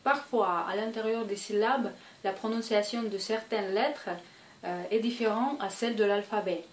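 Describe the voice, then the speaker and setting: A woman's voice: mid-range voice, normal speed, distant mic, faint music behind. A woman from Russia with a Russian accent, teaching a language lesson patiently and drawing out example sounds. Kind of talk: explanatory lesson. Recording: echoey room, voice off-mic, faint ambience.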